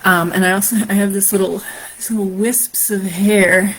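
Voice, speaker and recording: A woman host and storyteller with a deep, sultry voice, chatting casually on a live stream in a rambling way. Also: fairly even intonation, moderate pace, poor audio. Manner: chatty and rambling, many fillers.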